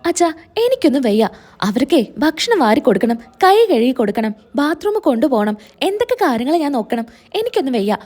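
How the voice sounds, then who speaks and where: A woman's voice: high voice, very animated, brisk, a little mellow. A woman voicing a scheming, jealous young niece who sneers and complains. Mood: scornful.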